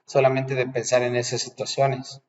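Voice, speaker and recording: A man teaches English grammar in a patient, explanatory way, mixing with English example sentences. His voice sits at a middle pitch, and the recording sounds slightly dull and lo-fi. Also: monotone, moderate pace. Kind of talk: bilingual grammar lesson.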